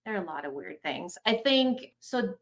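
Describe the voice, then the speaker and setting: Friendly middle-aged woman speaking English; relaxed guest, a bit halting. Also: medium pitch. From Germany. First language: German. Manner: friendly, laughs easily, halting. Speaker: guest, real estate agent. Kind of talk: casual chat.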